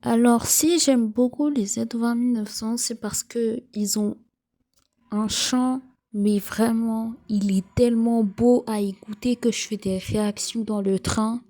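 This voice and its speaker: Slow, mellow young woman with morning voice. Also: on the high side, steady tone. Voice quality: sleepy morning voice. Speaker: train enthusiast vlogger. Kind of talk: casual FAQ vlog talk.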